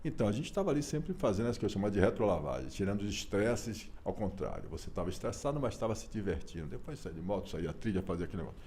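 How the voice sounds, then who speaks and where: Brazilian guy in his 60s, lowish voice, super expressive, keeps asking "right?" in an interview. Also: rapid-fire, few pauses. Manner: animated storyteller, emphatic, rhetorical questions. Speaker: author and interview guest. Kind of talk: casual conversational interview.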